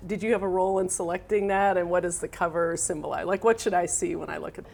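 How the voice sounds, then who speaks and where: A woman's voice: fairly low pitch, steady tone, quick pace, vocal fry, a little mellow. A middle-aged woman, a school superintendent, hosting an interview in an encouraging way.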